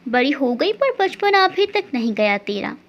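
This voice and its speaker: A woman's voice: high voice, sing-song, a little slow, voice pushed down, full character voice. A woman voicing a caring middle-aged mother who scolds her daughter fondly. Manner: fond scolding. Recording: dull lo-fi recording.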